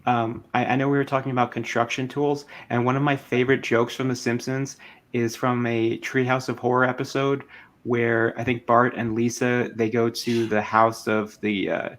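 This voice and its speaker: Man, casual chat, rambling, mid-pitched, hesitant delivery. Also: flat delivery, moderate pace, fairly bright tone. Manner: rambling, hesitant, many restarts.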